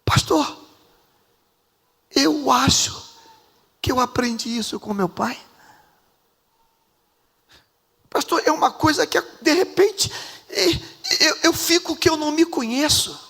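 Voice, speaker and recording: A man's voice: extremely high pitch, measured pace, vocal fry, pauses often, sharp tone, voice pushed up, exaggerated voice. Ashamed young guy stammering out a confession, pastor acting him out, church echo.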